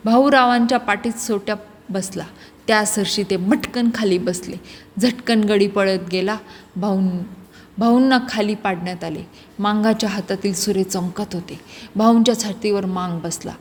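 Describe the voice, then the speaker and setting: Woman narrating with long echoing reverb. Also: medium pitch. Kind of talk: audiobook narration of a classic novel.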